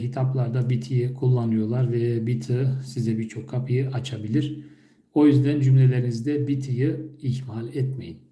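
A man whose first language is Turkish, teaching basic German phrases during a live stream and repeating each one slowly and carefully. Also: medium pitch, dark tone, roomy sound. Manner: slow, careful repetition of phrases.

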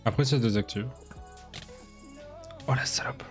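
A man's voice: mid-range voice, moderate pace. A male streamer chatting casually over a game, joking crudely and laughing often. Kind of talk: casual gaming stream chat. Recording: music playing under the voice. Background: background music.

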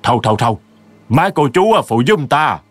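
A man's voice: medium pitch, sing-song, brisk, no echo, soft background music, pitched above the performer's own voice. A man voicing a stern old village grandfather who barks brusque, scolding commands, in a storybook horror reading. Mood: gruff.

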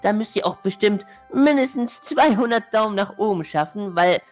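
A woman's voice: medium pitch, lively intonation, moderate pace. A woman hosting a gaming channel, giving casual gameplay commentary and exclaiming in frustration at a hard level. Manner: frustrated, exclaiming, addressing viewers as friends. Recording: faint background music.

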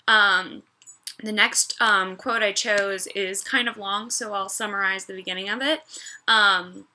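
Bright young woman reading a class response. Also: mid-range voice, fairly even intonation, measured pace. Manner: reads quotes then comments, many ums. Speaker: education student. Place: home room with puppies. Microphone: computer mic.

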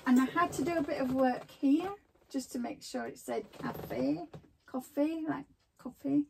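A woman's voice: sits high, normal speed, creaky, a little hiss or hum. An older woman, chatting casually as she shows off craft supplies at home, rambling and breaking off mid-sentence. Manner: chatty, rambling, self-interrupting. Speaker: crafting vlogger. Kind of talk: casual show-and-tell chat.

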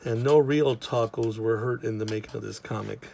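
A man's voice: lowish voice, normal speed, creaky, darkish tone. A middle-aged man, teaching how to draw comics in a loose, rambling, casual way. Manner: rambling, loose and chatty, with many fillers. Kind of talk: casual drawing tutorial.

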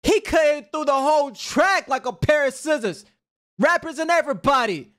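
A young man hosts a reaction video from his room, and his voice runs high. He talks fast and loose, full of slang and hyped outbursts, close to a desk mic. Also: lively intonation, a bit bright. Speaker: reaction channel host. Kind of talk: casual reaction commentary. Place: home room. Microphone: headset with desk mic.

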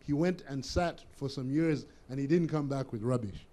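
A man's voice: mid-range voice, normal speed, dark tone. A man speaking as a guest in a casual interview, earnest and reflective, repeating words as he thinks.

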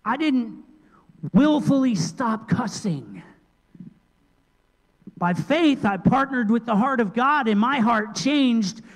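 Middle-aged male pastor, high voice, lively sermon delivery, handheld mic, long church echo. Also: slow pace, pauses often. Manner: lively preaching, jumps between loud emphasis and quiet asides. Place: large church sanctuary. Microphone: handheld microphone.

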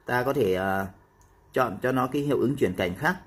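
A man explaining a phone app step by step in a casual tutorial, with frequent pauses and fillers. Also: medium pitch, breathy edge.

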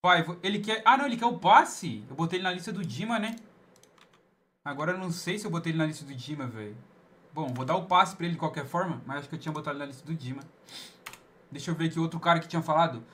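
High, bright-voiced playful male streamer. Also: animated, racing. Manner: playful, teasing and over-the-top. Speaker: game streamer. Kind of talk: live-stream chat with viewers.

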